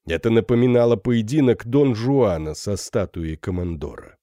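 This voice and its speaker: A man narrating a classic novel as an audiobook, in steady, even storytelling. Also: fairly low pitch, moderate pace, no echo, studio quality.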